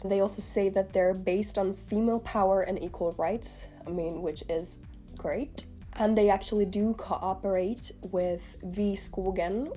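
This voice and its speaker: A young woman in her twenties with a medium-pitched, warm voice chats casually to the camera as a beauty vlogger doing a makeup review. She's a little sick with a cold and rambles, using lots of fillers, in a small indoor room.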